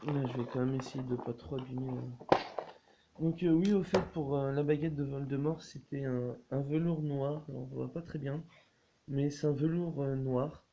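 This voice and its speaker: A man casually showing his collection in a vlog, halting often with fillers and restarts. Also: medium pitch, steady tone, vocal fry, mellow, highs cut off, a little hiss or hum. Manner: hesitant, many fillers and restarts.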